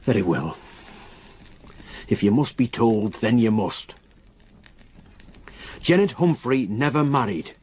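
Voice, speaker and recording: Here the same grave, hesitant local man from the radio play tells his grim story haltingly and solemnly, his voice husky, mid-pitched and animated. He sounds sombre and unwilling.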